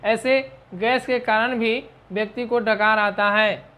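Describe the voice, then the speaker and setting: A woman teaching English vocabulary, spelling each word out letter by letter and explaining its meaning in a steady, patient way. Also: fairly high pitch, unhurried. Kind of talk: vocabulary lesson.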